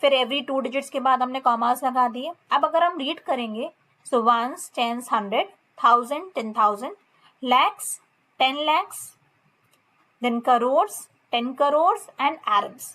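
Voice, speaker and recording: Her voice high, pushed and bright, an Indian-accented woman walks through a maths lesson step by step. She reads textbook lines slowly and explains them in blended Hindi and English.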